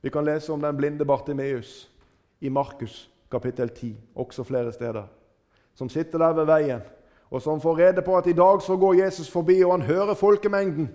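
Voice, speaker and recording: A man preaches a sermon, retelling stories dramatically as his voice rises and falls with wide swings in pitch and loudness.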